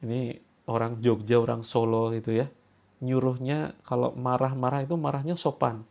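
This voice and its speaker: A man from Java, coaching a group through a healing session. He gives instructions, jokes, and breaks into loud commands. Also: medium pitch, level tone, moderate pace, creaky. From Java, Indonesia.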